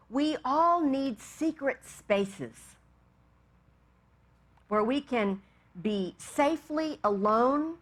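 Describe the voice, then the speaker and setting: Speaking in a higher-than-average voice, a Texan woman minister first guides a meditation and afterward delivers a soft, story-driven sermon with amused little asides.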